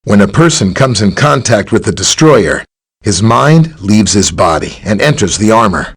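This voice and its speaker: Using a full character voice that is lowish, husky and sing-song, a man plays a video game superhero scientist who is friendly and easygoing. His pace is moderate, and his greetings and briefings explain things in a casual, conversational style.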